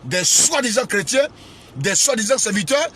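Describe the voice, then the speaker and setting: A man's voice: high-pitched, big pitch swings, normal speed, sharp tone, breathy edge. A man preacher, giving an impassioned, scolding address to his followers online and hammering the same phrases over and over. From Côte d'Ivoire. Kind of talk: impassioned social media address.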